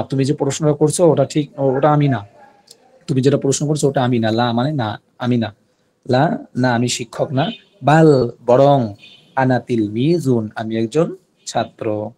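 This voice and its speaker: Male teacher, mellow tone, patient and repetitive, dictation pace. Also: mid-range voice. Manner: patient, repeats words for dictation. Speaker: Arabic teacher. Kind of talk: online class lesson.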